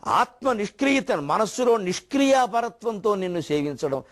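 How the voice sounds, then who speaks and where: An older man giving a religious discourse, indignant and scolding, firing off rhetorical questions and slowly chanting verses. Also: high voice, expressive. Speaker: spiritual orator.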